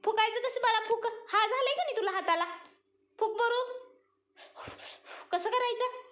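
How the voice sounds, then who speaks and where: A young woman from Maharashtra, a mother filming her baby near the cows, cooing at him in high sing-song baby talk and murmuring plainer asides to her viewers. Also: normal speed, a bit bright. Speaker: vlogger mother. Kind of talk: home vlog talking to her baby and viewers. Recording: noisy home phone recording.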